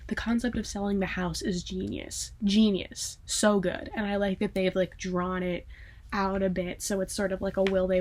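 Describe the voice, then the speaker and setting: A woman's voice: mid-range voice, a little mellow. A young woman vlogging in a casual, rambling way, emotional, with lots of fillers and some swearing. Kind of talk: casual chat to camera.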